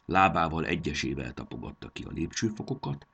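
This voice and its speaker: A man reading a children's adventure story aloud in an expressive way. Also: very deep voice, vocal fry, husky.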